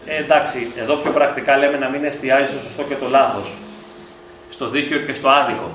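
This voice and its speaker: A man's voice: mid-range voice, steady tone, a bit bright, a little hiss or hum. A male psychologist giving a reflective lecture at a parent event in a school hall, often asking rhetorical questions. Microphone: distant from the mic. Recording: echoey hall from far off.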